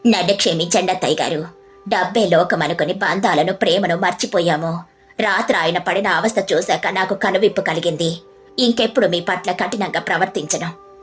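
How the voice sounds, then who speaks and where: A woman voicing a stingy wife who grumbles in a low voice. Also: fairly even intonation, fairly quick, a bit bright, lightly acted. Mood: remorseful. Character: stingy wife, sulky and hungry.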